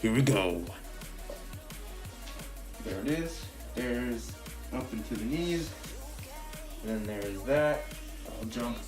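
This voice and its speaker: A man's voice: mid-range voice, expressive, takes it slowly, pauses often, over music. A man in a casual show-and-tell, his voice muffled through a full-face costume mask. He rambles loosely with many fillers and is short of breath. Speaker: vlogger showing his costume.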